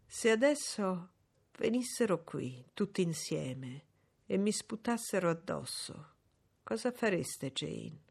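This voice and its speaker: A woman voicing a brooding, troubled middle-aged gentleman in an audiobook, speaking low and grave. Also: sing-song, slow, vocal fry, husky, heavily acted. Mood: grave, shaken. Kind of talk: audiobook reading.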